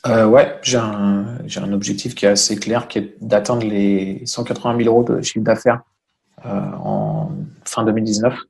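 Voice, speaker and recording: A man's voice: on the low side, expressive, normal speed, gravelly, darkish tone. A man being interviewed as a podcast guest, talking casually and thinking aloud as he explains. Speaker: podcast guest, online business owner.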